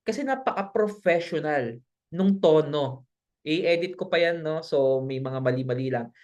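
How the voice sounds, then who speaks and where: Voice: lively intonation, moderate pace, a little mellow. Casual coaching business mentor. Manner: coaching, talks straight to viewers, acts out sample pitches; casual, self-correcting, mixes English phrases in. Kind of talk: recorded sales-training lesson.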